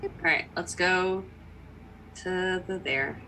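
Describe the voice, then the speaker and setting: A woman's voice: lowish voice, slow, sharp tone, a little hiss or hum. A woman chatting casually as a player in a tabletop roleplaying game.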